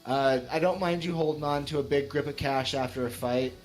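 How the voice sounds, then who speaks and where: A man's voice: on the high side, a little fast, faint music behind. A man playing a tabletop game, chatting casually with uhs and restarts. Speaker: player.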